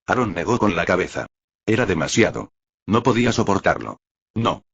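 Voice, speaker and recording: A man narrating an audiobook in an even, dramatic storytelling manner. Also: low voice, brisk, creaky, slightly rough, lo-fi sound.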